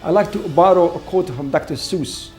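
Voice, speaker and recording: A man, a surgeon speaking in an earnest, measured way in an interview. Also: a little high. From Syria. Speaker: award-winning trauma surgeon. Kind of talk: reflective interview. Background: soft background music.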